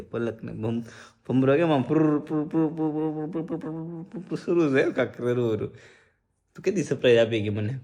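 A man's voice: lowish voice, darkish tone. A young man, chatting casually to his viewers in a family vlog. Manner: chatty, addresses viewers directly. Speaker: family vlogger.

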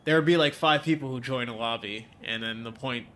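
A young man with a stuffy nose chats casually with viewers as he streams a racing game from home, reading chat aloud and joking along. His voice is medium-pitched, fairly bright, and a little fast, picked up by a desk mic with webcam framing.

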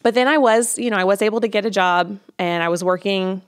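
A woman's voice: mid-range voice, brisk, smooth. A woman in her thirties, a counselor, talking candidly and reflectively as an interview guest, with frequent ums. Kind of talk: conversational interview.

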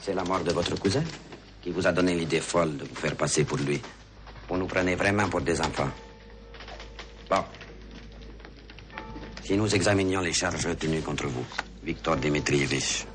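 An actor playing a cold, patronizing Soviet official who stays coolly in control. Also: male voice, a bass voice, moderate pace, long pauses. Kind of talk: 1980s television drama acting. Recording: television drama with music behind.

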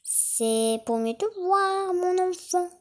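A woman voicing a sly, sweet-talking male wolf in a children's storybook reading, speaking softly and coaxingly. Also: very high voice, expressive, slow, pitched above the performer's own voice, exaggerated voice. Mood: menacing. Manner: soft, coaxing, then snarling. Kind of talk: storybook read-aloud.

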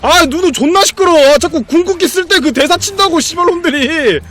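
A male streamer commentating his own live game stream, excitable and profane, laughing often. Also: very high voice, a little fast.

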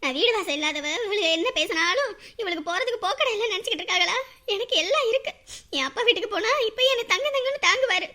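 A woman voicing a hurt, proud young mother in an animated drama, talking through bitter tears. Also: very high voice, racing, heavily acted. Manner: tearful, bitter inner monologue.

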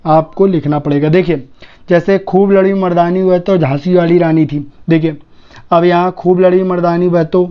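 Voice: medium pitch, muffled recording. A teacher walking students through punctuation examples, checking in with frequent "okay" and "look here.". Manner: repeats "ठीक है" and "देखिए", points to examples on a page. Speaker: shorthand teacher. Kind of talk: explaining grammar to students.

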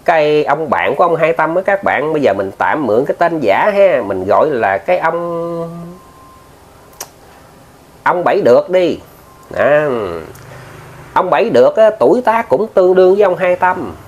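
Southern Vietnamese man, higher voice, animated folksy ghost-story teller talking straight to listeners, muffled home recording. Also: moderate pace. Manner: chatty, addresses listeners often, many filler words. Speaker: ghost story narrator, channel host. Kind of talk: casual spoken storytelling.

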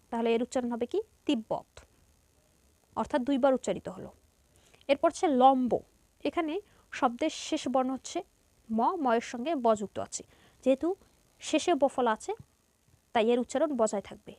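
A woman's voice: fairly high pitch, a little mellow, dry recording. Woman, Bangladeshi Bengali accent, teacher, step-by-step grammar explanation, rhetorical questions, dry close sound. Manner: explains step by step, asks and answers her own questions. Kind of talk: grammar lesson.

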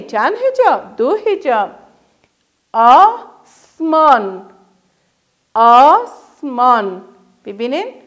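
A woman with an Afghan Dari accent teaching a first-grade reading lesson, stretching out words slowly for children to repeat and praising often. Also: high-pitched. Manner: drawn-out, emphatic modelling of words for children to repeat; praises often, asks quick questions and answers them herself. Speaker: primary school teacher.

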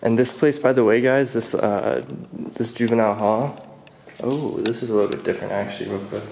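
A man's voice: mid-range voice, brisk, darkish tone, slight background noise. A young man casually talking to viewers, curious and chatty, as he walks through a large empty abandoned building with a camera mic. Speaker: urban explorer vlogger. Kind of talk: casual handheld exploration vlog. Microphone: handheld camera mic.

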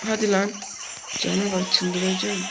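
A young man commentating his own mobile game as he plays, excitable and often exasperated, with quick outbursts. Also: high voice, gravelly, very noisy. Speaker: gaming channel host. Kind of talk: live gameplay commentary. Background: game music.

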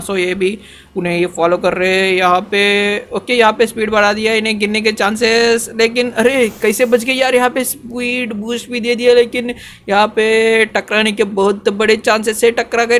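Excitable man commenting on gameplay. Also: sits high, moderate pace, a little hiss or hum. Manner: excitable, chatty, mixes in English fillers. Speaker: gaming channel host.

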